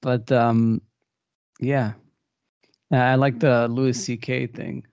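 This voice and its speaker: A man's voice: medium pitch, level tone, slow pace, vocal fry, darkish tone, clear, resonant tone, dry recording, dull audio. A man co-hosting a podcast in casual chat, rambling with fillers and laughing often. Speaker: podcast co-host.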